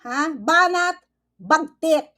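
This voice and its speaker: A woman's voice: sits high, animated, very slow, bright, forceful tone. A woman vlogger delivering an angry reaction rant, switching between Tagalog and English and constantly prodding with "okay?" and "ha?". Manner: confrontational, keeps asking "okay?" and "ha?".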